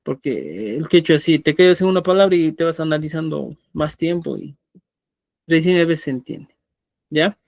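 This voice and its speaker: A man's voice: a little high, expressive, moderate pace, vocal fry, a little mellow, no room sound, studio quality. A man teaching a live online language class, explaining patiently and often checking in with the students. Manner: explanatory, checks understanding with frequent "¿ya?". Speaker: Quechua teacher.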